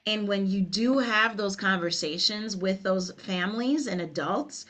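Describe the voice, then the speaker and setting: A middle-aged woman with a Liberian English accent leads a workshop webinar in an earnest, conversational way, dropping in lots of "you know." Her voice is medium in pitch, a little bright, and unhurried.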